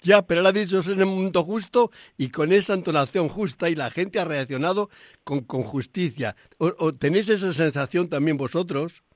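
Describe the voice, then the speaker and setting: Man, radio host, conversational, slightly high voice, dry studio. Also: moderate pace, dry recording. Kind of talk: radio interview.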